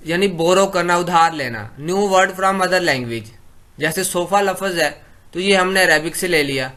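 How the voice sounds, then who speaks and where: Bright-voiced male lecturer from Pakistan. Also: on the high side. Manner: reads English definitions slowly, then explains them in conversational Urdu.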